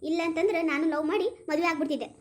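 A stubborn young woman in a cartoon, defiant and mocking, refusing a match in a North Karnataka Kannada accent, as a woman puts her on. Her voice is high and quick. Echo hangs around it. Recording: roomy echo.

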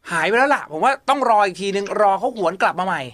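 A man's voice: sits high, animated, quick pace, fairly bright tone, no room sound. A man hosting a live call-in ghost story show who chats playfully and reassures his callers. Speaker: radio show host.

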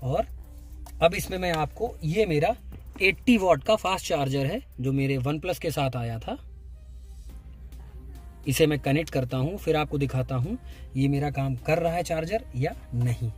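A man's voice: on the high side, measured pace, long pauses, soft background music. A man hosting his own channel, explaining a car gadget step by step from inside a parked car. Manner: explains step by step, points at parts. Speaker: YouTube channel host. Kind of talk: casual product demo.

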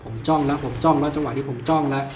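A man with a slight cold giving excited voice-over commentary on his own gameplay, crying out in bursts and laughing often. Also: on the high side, rapid-fire, roomy sound, background noise. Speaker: gamer and video creator.

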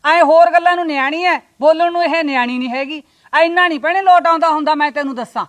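An actress playing a sharp-tongued, middle-aged visiting aunt in a Punjabi short drama, complaining and scolding with indignation. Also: female voice, sits high, quick pace, close to an everyday voice. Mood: indignant.

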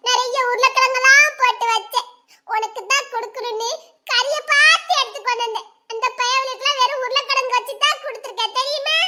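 A woman's voice: very high-pitched, sharp tone. Giggly girlish village sweetheart, voiced by a woman. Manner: giggly, chattering. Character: lovestruck young village woman, teasing and giggly. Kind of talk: village romance drama acting.

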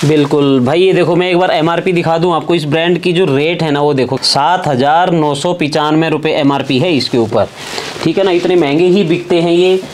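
A man's voice: on the high side, normal speed, slight background noise. A male vlogger touring a clothing warehouse, upbeat and full of praise, asking the seller questions. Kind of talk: casual shop walkthrough.

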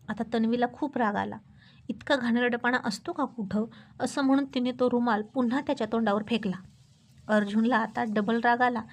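Woman narrating a story, fairly high voice. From Maharashtra, India. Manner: narrates and voices characters' quarrels.

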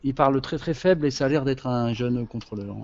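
A man's voice: mid-range voice, brisk, dull audio. A man in a casual online chat while playing a flight simulator, informal and muttering through his tasks.

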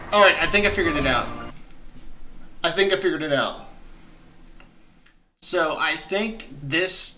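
In a small indoor room at home, a young man hosts a reaction video, commenting casually and enthusiastically and frequently rephrasing himself. His voice is fairly high with a sharp tone, and the recording quality is low.

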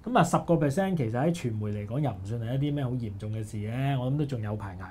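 A man with a Hong Kong Cantonese accent, co-hosting a casual panel talk show, brisk and opinionated. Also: mid-range voice, lively intonation, darkish tone, breathy edge. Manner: brisk, opinionated, says "喂" often. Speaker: co-host.

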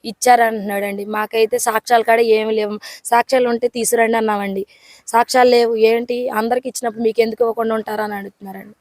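A woman's voice: fairly high pitch, level tone, quick pace, darkish tone, no room sound. A woman earnestly pleading her case to reporters outdoors, repeating her complaints.

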